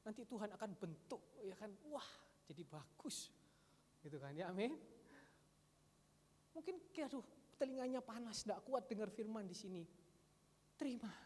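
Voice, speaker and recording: A male pastor preaching a sermon, lively, switching between loud emphatic calls and quiet asides. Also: high-pitched, normal speed, pauses often. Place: large church hall. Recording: long church hall reverb.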